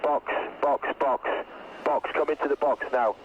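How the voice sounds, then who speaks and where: A man's voice: mid-range voice, fairly even intonation, a little slow. A man working as a race team engineer, giving urgent, repeated short commands over team radio. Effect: team radio transmission. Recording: muffled radio with engine noise.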